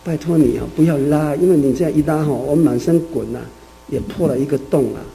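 A timid little snail pleads and begs for patience, soft and apologetic, as a man puts it on while preaching. The voice stays gravelly, dark and mellow, low and a touch hushed. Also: brisk, a little hiss or hum, rough recording. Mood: pleading. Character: meek, slow, pleading snail, tearful.

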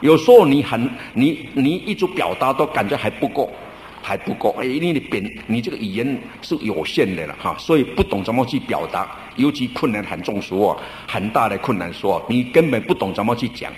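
A middle-aged man preaches in a church hall, telling stories in a loose, chatty way and stretching his sentence endings. His voice sits at an ordinary pitch. The room rings around him, with a faint hum of ambience behind. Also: expressive. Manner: conversational storytelling preaching with drawn-out particles. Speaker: pastor. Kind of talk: sermon.

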